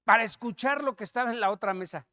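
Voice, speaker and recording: A man with a Mexican accent preaching a sermon, telling a story with loud emphasis and hushed asides. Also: very high-pitched, fast talker.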